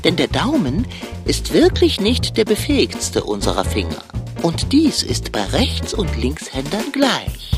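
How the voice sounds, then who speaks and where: A woman's voice: deep voice, huge pitch swings, a little slow, over music, full character voice. A woman voicing a pompous, plump male sidekick who is always hungry, speaking in grand, old-fashioned phrases in a children's radio play. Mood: lecturing.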